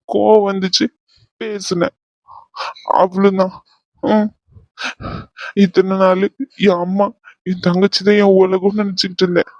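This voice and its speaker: A man playing a quiet young man devoted to his girlfriend, speaking softly and earnestly. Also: high voice, no room sound, lo-fi sound. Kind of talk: amateur web drama acting.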